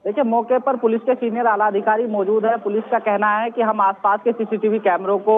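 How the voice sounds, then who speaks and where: A man's voice: sits high, flat delivery, brisk, slight background noise. A male field reporter giving an earnest live news report from outdoors at a scene, repeating the key questions. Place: outdoors at a mall. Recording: tinny phone-line audio.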